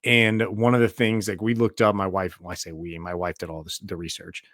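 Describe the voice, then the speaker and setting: A young man co-hosting a podcast, explaining things in an animated, chatty way and laughing as he talks. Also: sits low, a little fast, dry recording, clean studio sound. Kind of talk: casual podcast chat.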